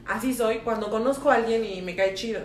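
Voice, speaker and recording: A woman's voice: on the high side, brisk, distant mic, slight background noise. A young woman with a Mexican accent, chatting casually with a lot of slang. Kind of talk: casual chat. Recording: echoey room, away from mic.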